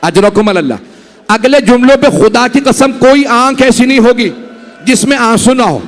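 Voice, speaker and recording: Male preacher, high voice, dramatic mourning-sermon storyteller. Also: normal speed, big-room sound. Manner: dramatic, emotional, appeals directly to listeners. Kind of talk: Muharram majlis sermon storytelling. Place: mourning hall gathering.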